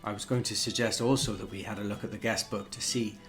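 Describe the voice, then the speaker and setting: Slightly deep, formally spoken male player. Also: steady tone, fairly bright tone, faint music behind. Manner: formal, measured, polite phrasing. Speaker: player in a tabletop game. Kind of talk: in-character tabletop role-play discussion.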